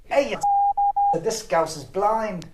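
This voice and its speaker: A man's voice: high voice, slow, very noisy. A man playing a cheeky young lad who answers with blunt slang in a comic phrasebook sketch.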